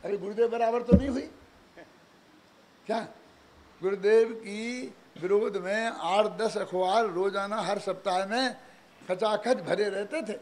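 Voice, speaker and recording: An older man giving a religious discourse, animated, full of rhetorical questions and chuckling asides. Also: sits high, a little slow, background noise. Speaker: preacher.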